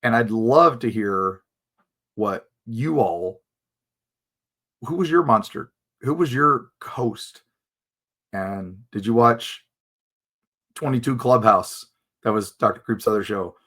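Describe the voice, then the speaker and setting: A man's voice: lowish voice, a bit bright. An American man in his fifties hosting a casual reminiscing monologue, talking in an informal, enthusiastic fan's manner. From United States. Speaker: host.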